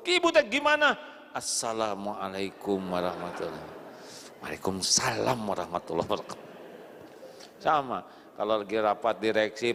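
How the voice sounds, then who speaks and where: Preacher guy joking through a sermon, acts out little chats, voice rings around a big hall. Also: a little hiss or hum. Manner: playful, acts out little dialogues with big pitch swings. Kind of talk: lively sermon to a live audience. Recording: long hall reverb.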